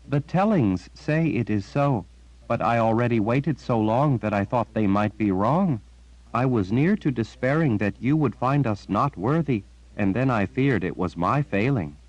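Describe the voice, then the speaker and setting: A man's voice: medium pitch, lively intonation, measured pace, a little mellow, no room sound, dull audio. A man voicing a frightened, devoted young priestess girl with a quavering voice. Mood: tremulous, devoted.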